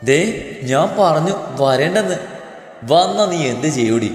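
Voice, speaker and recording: A man's voice: on the high side, lively intonation, unhurried. A man voicing a feisty, mocking young bride. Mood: defiant. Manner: defiant, mocking retorts. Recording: echoey room with long reverb, faint music.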